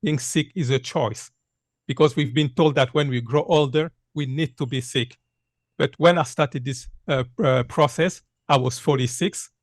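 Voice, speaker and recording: A man's voice: mid-range voice, moderate pace, dry recording, studio quality. A man in his fifties from Congo gives an earnest public health talk with many "uh" fillers. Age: 50s. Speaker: speaker giving a health talk.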